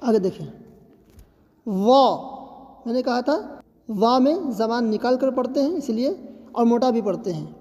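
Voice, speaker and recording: A woman's voice: fairly high pitch, lively intonation, warm tone, long reverb tail. A woman teaching a tajweed lesson, explaining patiently and reassuringly, and drawing out each letter sound as she demonstrates it. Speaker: Quran recitation teacher.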